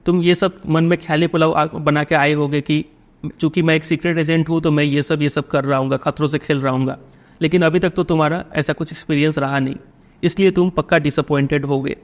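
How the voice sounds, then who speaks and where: A young man teaching a lesson, reading English lines slowly and explaining them in Hindi, often checking with "ठीक है?". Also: a little high, little pitch movement. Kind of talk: line-by-line text explanation.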